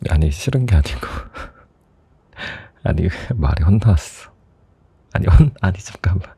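A young man in a soft, intimate whispered role-play as a teasing, doting boyfriend, close to the microphone. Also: low voice, animated, slow pace, breathy edge, dry recording. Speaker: ASMR performer playing a boyfriend.

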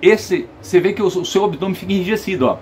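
A man's voice: sits high, very fast, slight background noise. A Brazilian man giving a casual saxophone lesson, explaining step by step and checking that viewers follow. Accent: Brazilian Portuguese. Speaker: saxophone teacher.

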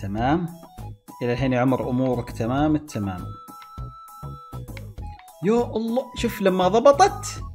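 A man giving excitable gameplay commentary, exclaiming and talking to himself and his viewers. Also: medium pitch, normal speed, long pauses, soft background music. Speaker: gaming YouTuber.

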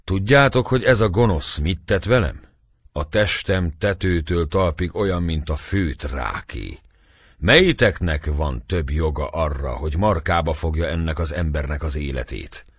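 A grave old priest, as a man reads him lectures a crowd with earnest, rising conviction. The voice is husky and animated, recorded dry and close. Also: a bass voice, dry recording, heavily acted. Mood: earnest plea. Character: stern old village priest, grave and commanding.

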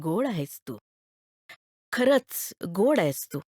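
A woman voicing a kindly older male philosophy teacher who coaxes a boy gently. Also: medium pitch, animated, slow, dry recording, clean studio sound. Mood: tender. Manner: coaxing, gentle.

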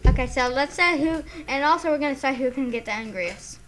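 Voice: sits high, a little fast, noisy background. A gaming video host chatting casually with a friend while playing, restarting sentences as he goes.

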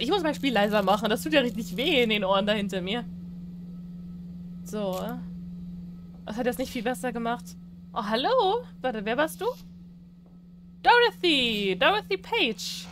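Over some background noise, a woman with a fairly high voice provides let's play commentary on a horror game. This gaming YouTuber keeps up a teasing, talkative stream, reading prompts from the screen and frequently breaking into laughter.

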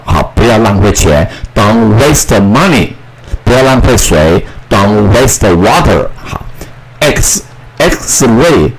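A man teaching schoolchildren English phonics, repeating each word slowly and drilling the sounds. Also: fairly low pitch, a little hiss or hum, low-quality recording. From Taiwan.

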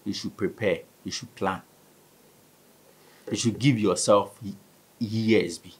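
A man's voice: lowish voice, steady tone, slow pace, breathy edge. A man in his thirties with a Ghanaian West African accent, speaking conversationally as a guest in a sports interview. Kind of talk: conversational studio interview, mixing Twi and English. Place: small indoor studio. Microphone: studio microphone on table stand.

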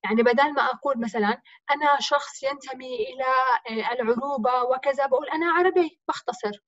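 A woman's voice: sits high, fast, dry recording, muffled recording. A woman teacher with a Levantine accent, explaining grammar step by step by asking and answering her own questions in a recorded lesson. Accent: Levantine Arabic. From Jordan.

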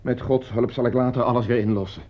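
A man's voice: medium pitch, fairly even intonation, fast talker, lightly acted. A man playing a grave, worried middle-aged doctor. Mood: anxious. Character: worried middle-aged male doctor and father, stern but gentle. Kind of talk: 1950s-style radio drama acting. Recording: dull old radio recording.

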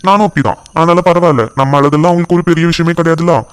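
Cartoon dad voiced by a man: caring, middle-aged, soft-hearted, rapid delivery. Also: on the high side, steady tone, clear, resonant tone, natural voice. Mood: gentle.

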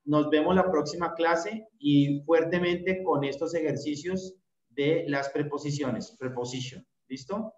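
A man teaching an English class over a video call, repeating short phrases slowly so the students can copy them. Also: fairly high pitch. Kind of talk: virtual class instruction. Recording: echoey room, dull lo-fi sound.

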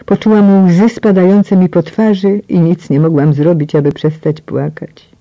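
A woman narrating a first-person audiobook in a hushed, emotional way that often drops to a whisper. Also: on the low side, fairly even intonation, moderate pace, no room sound. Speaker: audiobook reader. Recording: slightly muffled, dry.

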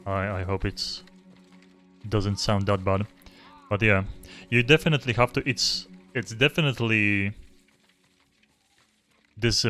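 A man's voice: lowish voice, fairly bright tone. A young man giving casual, rambling live commentary as he streams a game, close to a desk microphone. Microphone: close desk microphone without pop filter. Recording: faint game music behind.

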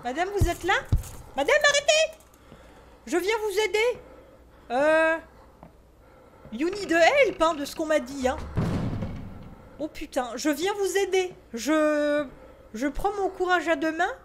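A woman's voice: extremely high pitch, expressive, slow, pauses often, slight background noise. A young French woman streaming a horror game, jumpy and swearing, talking to herself as she gets scared. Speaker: gaming streamer. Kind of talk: let's play commentary.

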